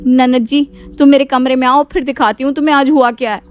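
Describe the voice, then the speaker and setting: A woman's voice: sits high, fairly even intonation, a little fast, muffled recording, close to an everyday voice. A woman voicing a resentful younger daughter-in-law who complains of being treated as second best in a cartoon story. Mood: aggrieved. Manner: aggrieved and complaining.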